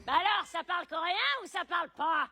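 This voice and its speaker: A woman's voice: very high voice, fast talker, vocal fry, bright, forceful tone, exaggerated voice. A woman playing a grumpy old taekwondo teacher with arthritis who barks orders and mocks the class in a comedy sketch. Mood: mocking. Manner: bossy, mocking, barking orders.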